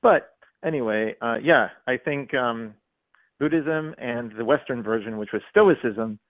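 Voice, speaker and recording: A male radio caller comes through a narrow, tinny phone line at a middling pitch. He rambles and halts, padding his points with fillers. The studio sound around his voice is dry. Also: dry recording. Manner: rambling, halting with many fillers. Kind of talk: call-in radio chat.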